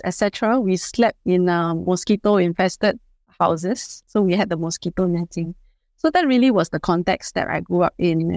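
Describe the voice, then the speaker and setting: A woman in her fifties from Singapore, speaking as a guest in a podcast interview, measured and advisory, often saying "you know". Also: fairly low pitch, darkish tone, dry recording. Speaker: guest, HR leader and board member.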